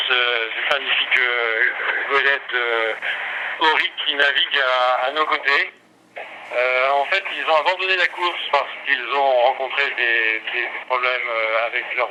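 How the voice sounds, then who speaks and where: Man on a noisy satellite phone line. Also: medium pitch. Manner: hesitant, many fillers and restarts. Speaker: sailing skipper calling in from sea. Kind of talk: live phone report to a radio studio.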